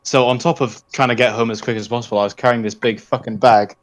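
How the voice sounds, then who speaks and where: A man's voice: mid-range voice, steady tone, quick pace. A man, out of breath, rambling and joking apologetically in casual chat over an online voice call. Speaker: tabletop game player.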